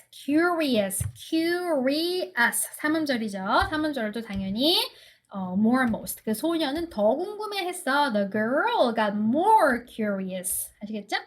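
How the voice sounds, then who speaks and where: A woman giving an online English grammar lecture, asking check-in questions and reading English example sentences slowly and carefully. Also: fairly high pitch.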